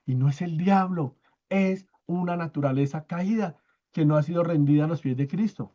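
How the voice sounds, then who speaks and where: A man teaching a church Bible study, explaining step by step, often checking in with his listeners and repeating key words slowly for emphasis. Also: on the high side, warm tone, highs cut off. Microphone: own microphone.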